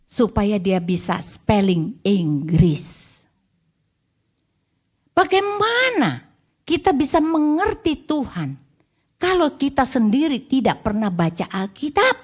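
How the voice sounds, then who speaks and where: Animated high-voiced woman preacher. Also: slightly rough. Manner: animated, rhetorical questions to the congregation. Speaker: evangelist preacher. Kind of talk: sermon. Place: church service.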